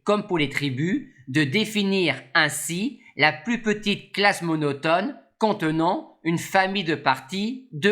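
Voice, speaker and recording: A lecturer giving a scripted maths explanation in a measured, formal manner. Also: medium pitch, a bit bright. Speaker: mathematics lecturer.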